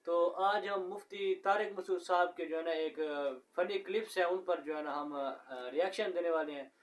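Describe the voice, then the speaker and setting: A man's voice: fairly high pitch, normal speed. A man hosting a reaction video, talking casually and hesitantly with fillers. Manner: relaxed, hesitant with fillers, chiming in. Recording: voice distant from the mic.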